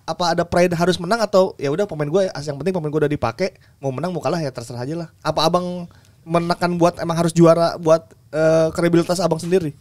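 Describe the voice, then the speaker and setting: A man hosting a casual podcast, asking slangy, joking questions with quick asides. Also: on the high side, fairly even intonation, a little mellow, no room sound. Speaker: podcast host.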